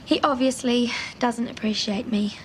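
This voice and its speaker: An actress playing a sensitive, hurt young Australian bride-to-be in a television soap, wounded and emotional. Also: female voice, on the high side, fairly even intonation, normal speed, slight background noise, natural voice, poor audio. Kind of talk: television soap drama acting. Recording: TV soundtrack, faint music.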